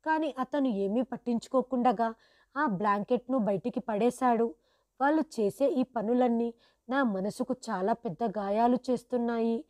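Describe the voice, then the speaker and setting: A woman narrating a first-person family story in a steady, sorrowful manner. Her voice sits fairly high but sounds mellow and dark in tone. The recording is dry and close. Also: moderate pace, dry recording.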